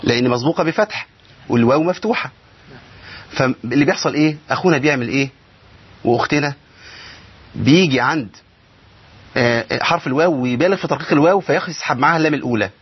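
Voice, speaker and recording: A man with an Egyptian accent teaches the rules of Quran recitation at a quick clip. His voice is somewhat husky, and he keeps asking his students questions and then answering them himself. The recording sounds a little dull and lo-fi. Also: on the high side. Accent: Egyptian Arabic. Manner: explanatory, poses and answers his own questions. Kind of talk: tajweed lesson.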